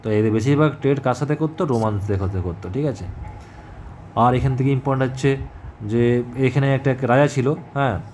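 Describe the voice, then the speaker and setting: A man teaching an exam-prep history lesson in a conversational way, often pausing to check that students follow. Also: medium pitch, darkish tone, a little hiss or hum. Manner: conversational, repeats "ঠিক আছে?" as a check-in, many fillers.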